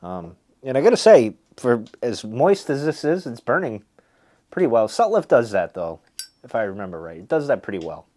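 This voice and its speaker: A man's voice: medium pitch, sing-song, normal speed, a little mellow. A man giving a casual, rambling review to viewers, thinking aloud in a hesitant, musing way. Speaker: pipe tobacco reviewer hosting a video.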